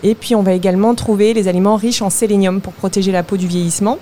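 A woman naturopath giving advice at a live talk, briskly listing foods and habits. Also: medium pitch, steady tone, dark tone, slight background noise. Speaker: naturopath guest.

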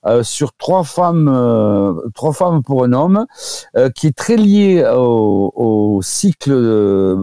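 A man talks casually on the radio as a guest doctor, often stopping to restart his sentences. His voice is mellow and warm. The sound is dry and close to the mic. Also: mid-range voice, very animated, takes it slowly, clear, resonant tone, no echo. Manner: hesitant, many fillers and restarts.

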